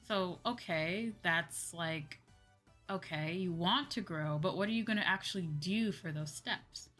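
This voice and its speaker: Unhurried and lowish, with a slightly bright tone, a woman runs a livestream with music behind her. Her casual chat is hesitant, and she tends to repeat what she says.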